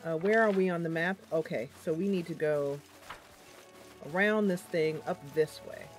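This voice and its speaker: A woman with a fairly low pitch hosts a casual let's-play for her gaming channel, speaking at a moderate pace over soft background music. She reasons through the game out loud, often saying um, and playfully talks right to her viewers.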